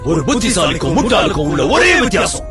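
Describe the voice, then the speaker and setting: An actor playing a cold, threatening villain who lectures about emotions. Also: male voice, on the high side, sing-song, over music. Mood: menacing. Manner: slow, threatening, mixes English.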